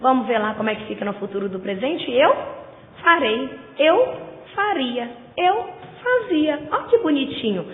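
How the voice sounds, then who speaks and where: A woman teaching grammar in a lecture, with a Brazilian Portuguese accent, drawing words out slowly to stress their syllables. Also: sits high, animated. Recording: tinny, echoey lo-fi recording.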